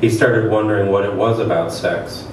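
Reading satirical fiction dramatically on stage, a man in his thirties uses a darkish, lowish voice with fairly even intonation and a moderate pace. The setting is a literary event in a small room with an audience, and a table microphone on a stand captures him. Sound quality suffers from heavy hall echo, a distant mic, and noise.

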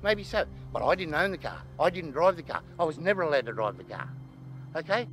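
A man in a heated outdoor confrontation, defiant and shouting angrily at a reporter. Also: fairly high pitch, very animated, a little fast, faint music behind. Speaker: person of interest confronted by a reporter.

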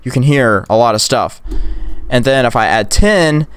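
A man's voice: medium pitch, expressive, moderate pace, clear, resonant tone, no echo. A young man casually walking through a tech tutorial, rambling with lots of "like" and "um". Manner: rambling, filler-heavy, drops to whispers and yells in demos. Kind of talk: casual screen-recorded tutorial. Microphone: close USB condenser mic.

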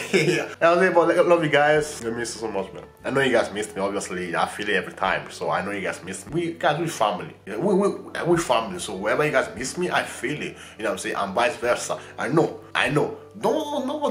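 A young man talks to his viewers in a rambling, playful, affectionate way, repeating the same phrases as he goes. His voice sits fairly low. The room around him rings with a noticeable echo. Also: a bit bright. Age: young adult. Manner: rambling, repeats "you know what I'm saying", playful and affectionate. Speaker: vlogger. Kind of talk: casual vlog chat. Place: bedroom during lockdown.

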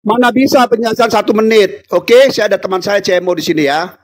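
A man debating heatedly on a video call, shouting and repeating himself over the other speakers. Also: sits high, fairly quick.

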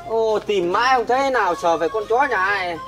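A woman's voice: medium pitch, fairly quick. A woman playfully calling out names outdoors during a casual game with friends. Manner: playful, calling out names loudly while searching. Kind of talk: casual play among friends. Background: music.

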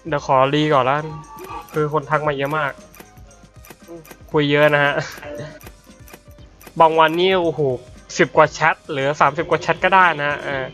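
A man's voice: on the high side, fairly bright tone. A young man casually commentating his online game, chatty and swearing loosely, his voice a little worn from being unwell. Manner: chatty, swears casually, frequent polite particles. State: slightly unwell voice. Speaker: gaming YouTuber. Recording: dull lo-fi audio with game music.

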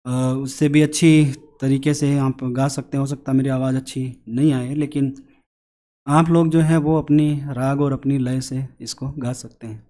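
Male teacher walking through a worksheet as a voice-over, asking questions and answering them himself, dark mellow voice. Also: mid-range voice, flat delivery. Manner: explains step by step, asks and answers own questions; slowly sings a children's rhyme line by line. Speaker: English teacher. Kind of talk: online worksheet lesson.

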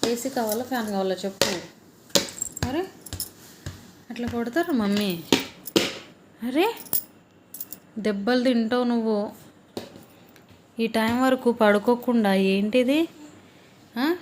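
A woman's voice: a little high, slow pace, pauses often, a little mellow, slight background noise. A young mother, playfully coaxing and teasing her toddler at home at night in sing-song baby talk.

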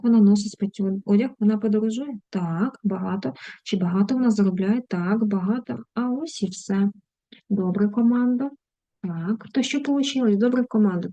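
A woman teacher with a Ukrainian accent leads an online English lesson, reading English words and phrases and translating each one. Her voice is very dark and mellow. The recording is dry and slightly dull. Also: medium pitch, no room sound.

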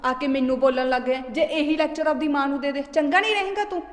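An actress playing a resentful young pregnant wife who snaps and scolds defiantly. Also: female voice, high-pitched, fast, reverberant, big-room sound, natural voice. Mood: angry. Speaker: daughter-in-law.

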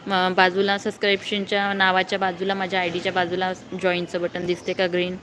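Young woman reading viewer comments on a phone live stream outdoors; clear traffic and street noise. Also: on the low side, monotone, a little fast, fairly bright tone, rough recording. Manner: reads comments aloud and answers viewers. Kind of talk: casual live-stream chat. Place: outdoors below a housing block at night.

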